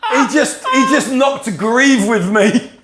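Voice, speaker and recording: A man's voice: extremely high pitch, unhurried, noisy background. A man, a podcast guest rambling through anecdotes and laughing often. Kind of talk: casual chat, storytelling. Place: vape shop. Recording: echoey room.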